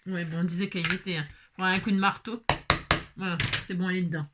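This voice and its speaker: A woman's voice: lowish voice, fairly even intonation, fast, very noisy. A woman vlogging casually as she assembles a craft kit, chatting to viewers, exclaiming and muttering to herself when pieces go wrong.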